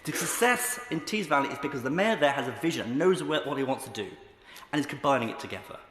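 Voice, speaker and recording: A man's voice: medium pitch, lively intonation, fast, fairly bright tone. A male member of parliament making a heated, emphatic debate speech, repeating phrases for force. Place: large indoor parliamentary chamber. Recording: echoey debating chamber with long reverb.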